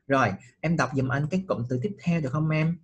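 Middle-aged man, patient English teacher, slightly husky tone. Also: fairly high pitch, fast, highs cut off. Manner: patient, checks often with rising questions. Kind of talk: online English class.

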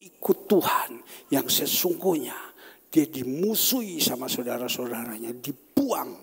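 Gravelly pastor preaching in a reverberant church hall. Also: male voice, medium pitch, animated, measured pace. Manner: earnest, conversational preaching with sudden emphatic outbursts. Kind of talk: sermon.

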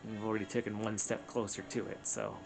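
Frustrated and cursing a little, a gaming channel host delivers casual let's play commentary while playing, with video game music in the background. He talks fast in a creaky, medium-pitched voice with a level tone.

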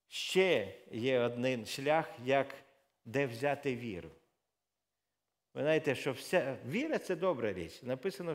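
A man preaching a sermon in church, talking in a conversational way with frequent fillers and self-corrections, and reading scripture aloud with raised emphasis. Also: on the high side.

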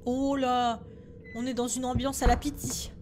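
A woman's voice: on the high side, little pitch movement, unhurried, darkish tone, a little hiss or hum. A young woman streaming a horror game on a headset mic, jumpy and exclamatory, talking to herself as she plays. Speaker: gaming streamer. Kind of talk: casual live gameplay commentary.

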